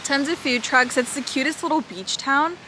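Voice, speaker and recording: A woman's voice: high-pitched, moderate pace, sharp tone, slight background noise, rough recording. A young woman chatting casually in a book vlog from a beach, rambling with lots of "like" fillers. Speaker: book vlogger. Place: outdoors at a beach.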